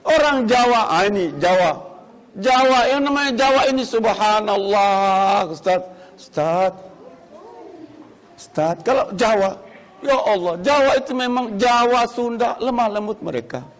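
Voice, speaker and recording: A man addressing parents at an Islamic boarding school, talking in a lively way and mimicking regional speech for humor. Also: very high voice, moderate pace. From Central Buton, Sulawesi. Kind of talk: speech to parents at report card day. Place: school hall. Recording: echoey hall with long reverb.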